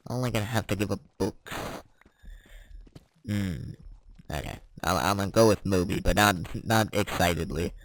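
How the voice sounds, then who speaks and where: A teenage boy chatting casually while playing a game, rambling and correcting himself as he answers quick questions. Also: sits low, a little hiss or hum. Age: teens. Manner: rambling, self-correcting, chuckling. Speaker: gaming vlogger.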